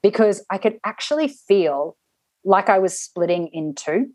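A woman's voice: mid-range voice, animated, unhurried, a little mellow, dry recording. A woman guest telling a personal story in conversation, reflective, often restarting and acting out what people said. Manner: reflective, with frequent restarts and acted-out quotes. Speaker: interview guest.

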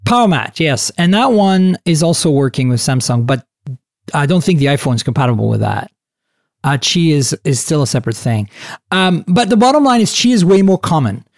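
Animated chatty male podcast host. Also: a little high, brisk, no echo, studio quality. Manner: animated, chatty, many fillers and restarts. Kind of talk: casual tech podcast chat.

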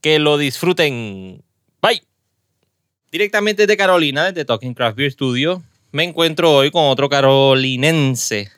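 This podcast host from Puerto Rico, with a Puerto Rican Spanish accent, keeps his small-studio interview casual, laughing a lot and drifting into asides. His voice is on the high side, expressive and unhurried, fairly bright and smooth, with no echo.

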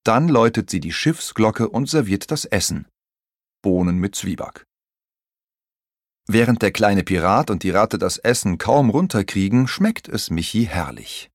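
A man narrating a children's audiobook in an expressive storytelling manner. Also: lowish voice, measured pace, dry recording, clean studio sound.

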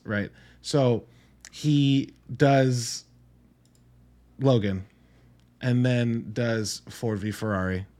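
Speaking in a fairly low, slightly mellow voice, this man hosts a podcast where he reviews films on his own. His delivery is casual and conversational, blunt and a bit profane, sprinkled with rhetorical asides.

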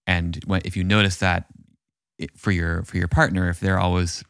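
A man's voice: sits low, level tone, normal speed, a bit bright, clean tone, no echo, clean studio sound. A man co-hosting a podcast, talking through relationship advice in a thoughtful, musing, encouraging way. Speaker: podcast co-host. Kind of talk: casual relationship chat.

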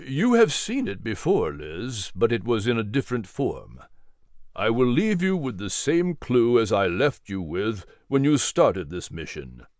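A man reading a storybook, voicing a solemn male mentor who speaks in measured, cryptic pronouncements. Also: mid-range voice, huge pitch swings, darkish tone, no echo, clean studio sound, pitched below the performer's own voice. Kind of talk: storybook character voice.

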